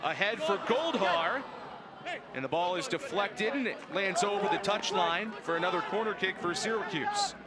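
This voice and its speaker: With a high voice and lively intonation at a normal speed, an early-twenties sports host opens shows and calls live play-by-play. His broadcast delivery is polished and emphatic.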